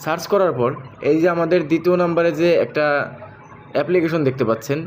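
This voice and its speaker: A tech tutorial host with a Bangladeshi accent and a slightly high, darkish voice talks quickly through an app tutorial, with faint noise in the background. He speaks directly to viewers and repeats each step as he moves along.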